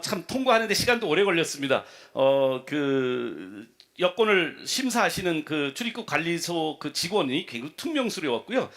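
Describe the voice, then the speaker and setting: Animated older male pastor telling stories. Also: fairly high pitch. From South Korea. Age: 50s or 60s. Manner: animated storyteller acting out dialogue, mixing in English. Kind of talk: revival sermon with personal stories.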